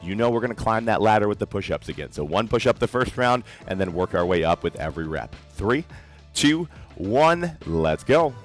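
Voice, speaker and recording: A man's voice: sits low, lively intonation, brisk, hardly any pauses. A man leading a workout class as fitness coach, giving encouraging instructions and counting down each exercise. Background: faint background music.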